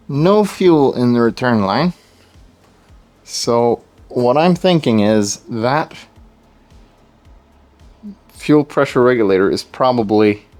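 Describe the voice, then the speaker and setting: Working in his home garage, a Swedish man on a car project thinks aloud and talks to viewers in casual commentary. His voice is medium-pitched and a little mellow.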